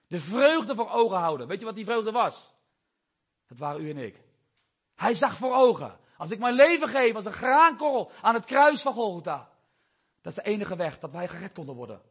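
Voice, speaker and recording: A man with a fairly high, husky voice preaches a sermon. He talks earnestly and quotes scripture, now swelling louder, now dropping low. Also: sing-song, moderate pace. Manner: earnest, quotes scripture, rises and drops in volume.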